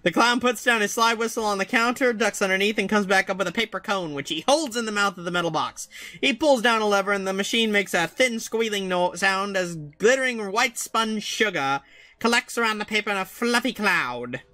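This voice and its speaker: A man's voice: high voice, fairly quick, pushed and bright, no room sound. A man hosting a gaming show, chatting casually and reading game text aloud.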